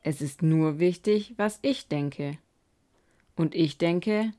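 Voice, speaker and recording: Casting: kind, firm bearded old woodcarver, storybook, woman reading, slow and emphatic. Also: on the low side, mellow. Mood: reassuring.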